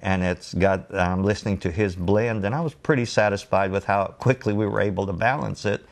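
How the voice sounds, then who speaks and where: An older man with a very low, gravelly voice reminisces about his years as a TV audio engineer. He rambles along with frequent pauses and fillers. Gravelly fry runs all through his relaxed storytelling. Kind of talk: oral-history storytelling.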